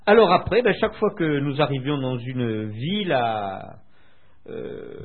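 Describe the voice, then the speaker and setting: Older man reminiscing, husky and lively. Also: mid-range voice. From France. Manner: hesitant, many filler pauses. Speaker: interviewee. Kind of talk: recounting memories in conversation. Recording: tinny phone-line sound.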